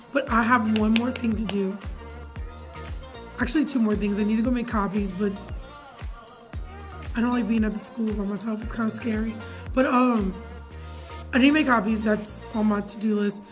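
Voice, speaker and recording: A young woman, a teacher chatting casually to camera in her classroom, animated and full of fillers. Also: on the high side, moderate pace, long pauses, faint music behind. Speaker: middle school science teacher. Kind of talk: casual vlog chat. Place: classroom, indoors.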